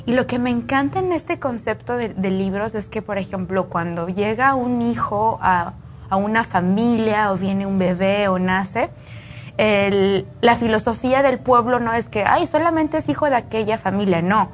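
A woman talking on a radio health program, telling stories in an animated way. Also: mid-range voice, unhurried, a little hiss or hum. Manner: animated storyteller.

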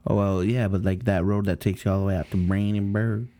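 A man's voice: fairly low pitch, level tone, brisk, mellow, no echo. An American man chatting and bantering casually as a podcast co-host.

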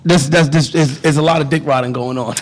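A man's voice: a little high, fairly even intonation, normal speed, very noisy. A man from Brooklyn with a New York accent, hosting a loose podcast chat and keeps saying "listen" to hold the floor. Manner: loud, insistent, repeats "listen" to hold the floor. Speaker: podcast host. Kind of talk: casual bar-table chat. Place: rented event space, indoors.

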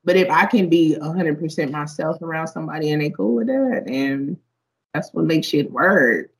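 Slangy, laughing young woman, lower voice. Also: normal speed, gravelly, low-quality recording. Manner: laughs often, slangy and animated. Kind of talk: casual chat.

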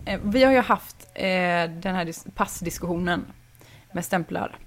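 A woman's voice: on the low side, slight background noise. A young woman co-hosting a podcast, chatting expressively with many fillers, recorded remotely from home. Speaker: podcast co-host. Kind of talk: casual podcast chat. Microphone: home mic, remote recording.

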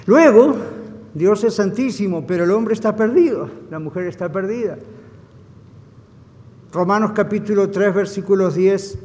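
A male pastor preaching a fervent sermon, swinging from hushed lines to loud emphasis and slipping in short English phrases. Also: sits high, moderate pace. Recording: reverberant hall.

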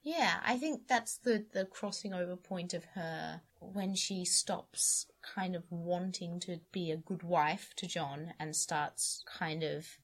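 Expressive low-voiced woman reading aloud. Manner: expressive, shifting from hushed to cries. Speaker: podcast host and reader. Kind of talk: dramatic reading of a story.

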